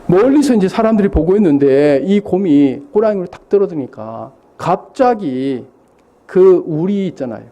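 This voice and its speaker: A missionary preacher delivering a sermon, his voice a touch high for a man and warm in tone. He swings widely up and down as he tells stories and fires questions at the congregation. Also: moderate pace. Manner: animated storytelling, quizzing the congregation.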